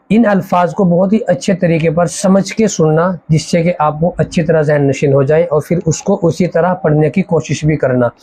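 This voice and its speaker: A man teaching a Quran reading lesson as an Arabic teacher, drawing out each letter slowly and explaining how to say it. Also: on the high side, warm tone, poor audio. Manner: slow, drawn-out recitation of letters with explanations.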